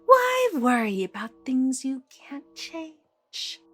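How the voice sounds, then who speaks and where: A deranged female asylum villain for an audio roleplay. The voice is fairly high and very unhurried, with a husky, breathy edge. The delivery is playful yet menacing, theatrical and taunting. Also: sing-song, faint music behind, heavily acted. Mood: bitter, taunting. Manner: taunting, theatrical, slipping between whispers and outbursts. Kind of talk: ASMR audio roleplay acting.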